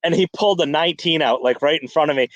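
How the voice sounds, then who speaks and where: A man's voice: on the high side, fast talker, a bit bright, no echo. A man chatting casually on a fishing podcast, rambling with many restarts and fillers. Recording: dull lo-fi dry sound.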